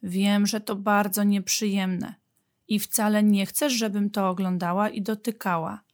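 Woman reads patient mother badger, calm and soothing, storybook style. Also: medium pitch, measured pace, close to an everyday voice. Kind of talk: storybook reading.

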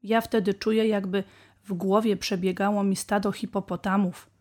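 A woman doing a hurried rabbit dad. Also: mid-range voice, natural voice. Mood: calm. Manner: urgent calls, later calm and gentle. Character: busy rabbit father, hurried then calm.

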